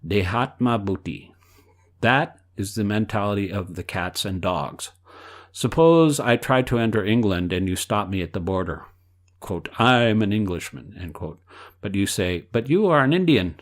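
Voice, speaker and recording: A man reading the part of an elderly spiritual teacher, patient and instructive. The delivery is measured and read from a book, with quote marks spoken aloud. The voice sits a little low. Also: expressive, natural voice. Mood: explaining.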